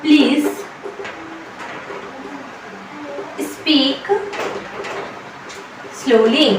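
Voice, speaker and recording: A woman teaching a spoken English lesson, addressing viewers affectionately as children and repeating each phrase very slowly. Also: high-pitched, fairly bright tone, a little hiss or hum. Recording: echoey room, heard from a distance.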